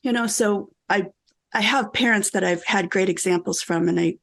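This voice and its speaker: A middle-aged woman from the American Midwest, a guest author telling stories in a casual podcast conversation, animated and quick to laugh. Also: mid-range voice, gravelly. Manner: animated storytelling, laughs often.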